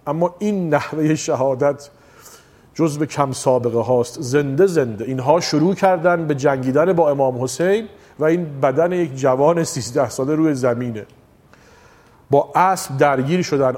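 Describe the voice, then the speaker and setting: Impassioned male preacher delivering an elegy. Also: darkish tone. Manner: impassioned, rising to high emotional peaks; slow, drawn-out chanted recitation. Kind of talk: sermon with mourning elegy.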